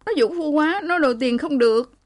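A woman's voice: on the high side, measured pace, dark tone, pitched above the performer's own voice, close to an everyday voice. A woman voicing a young married woman who has been beaten, speaking in a raised, pleading, tearful way.

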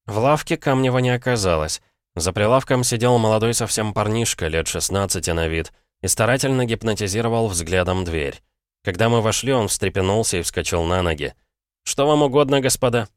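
A man narrating a first-person audiobook in a steady, even storytelling manner, on a close studio mic. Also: fairly low pitch, a little fast, no echo.

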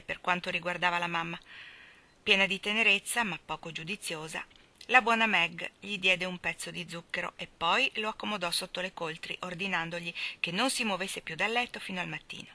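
Bright-voiced woman reading a novel aloud. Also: on the low side. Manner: expressive, storytelling. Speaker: audiobook reader. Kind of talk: scripted narration of a classic novel.

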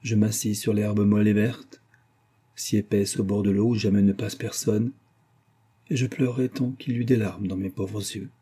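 A man reading a classic novel aloud as narrator, expressive and giving characters their own voices. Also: fairly low pitch, moderate pace, breathy edge. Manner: expressive, reads dialogue with voices. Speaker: audiobook reader.

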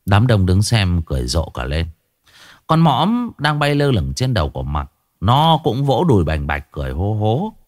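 A man's voice: lowish voice, huge pitch swings, normal speed, no echo, studio quality. A man reading a horror story aloud as a dramatic, vivid storyteller. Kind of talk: scripted horror story narration.

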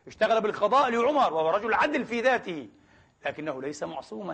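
Fast, husky high-voiced male preacher. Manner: impassioned, rhetorical questions, swings from hushed to loud. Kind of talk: sermon.

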